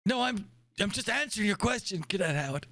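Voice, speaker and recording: A man's voice: sits high, animated, a little fast, sharp tone, no echo, studio quality, pitched above the performer's own voice, exaggerated voice. A man voicing a grumpy old male starship admiral and doctor, with a put-on American accent and a cursing, cantankerous manner. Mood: stubborn.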